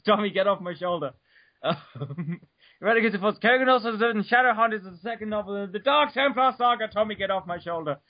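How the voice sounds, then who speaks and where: This high-sitting male voice belongs to a reader delivering an article with exaggerated drama, stumbling now and then and breaking off to crack jokes. He's recording in a room at home, and the dull, lo-fi sound has no room echo.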